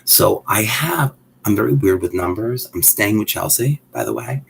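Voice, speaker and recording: Low gravelly-voiced man rambling excitedly. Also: moderate pace, slight background noise, rough recording. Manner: rambling, excitable, self-interrupting. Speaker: vlogger. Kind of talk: casual chat while handling a doll.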